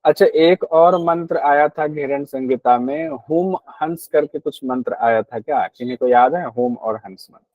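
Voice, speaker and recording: A man's voice: on the high side, moderate pace, dry recording, narrow, tinny audio. A man teaching a class on a yoga text, explaining patiently, repeating key points and asking his students questions.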